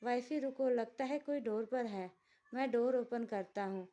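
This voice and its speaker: A woman voicing a childlike, innocent young husband who pleads and frets in a high, whiny way. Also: measured pace, dark tone, natural voice. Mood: worried.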